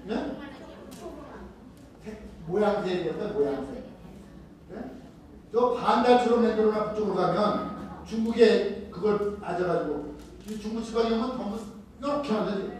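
High-voiced priest lecturing in an echoing hall. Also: male voice, moderate pace, pauses often, darkish tone, distant mic. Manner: asks the audience questions and answers them himself. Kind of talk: retreat lecture to a live audience. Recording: very echoey hall, recorded from afar.

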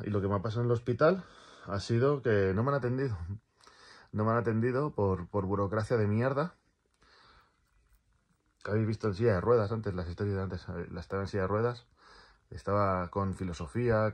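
A man's voice: lowish voice, fairly quick. A man rambling casually through a personal vlog, repeating words and swearing freely, in pain from a torn calf. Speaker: vlogger.

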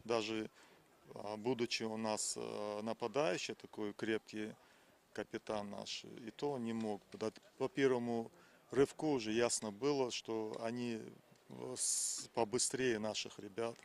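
Gravelly middle-aged male football coach. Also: lowish voice, steady tone, measured pace. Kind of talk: post-match interview answers. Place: outdoors at a football stadium. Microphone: interviewer's handheld microphone.

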